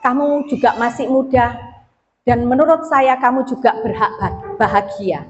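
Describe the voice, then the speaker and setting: A woman preacher quoting her irritable husband in a sermon, speaking in a slightly lower voice. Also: normal speed, in a large hall, lo-fi sound, a little hiss or hum, close to an everyday voice. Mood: resigned. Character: irritable husband, middle-aged man.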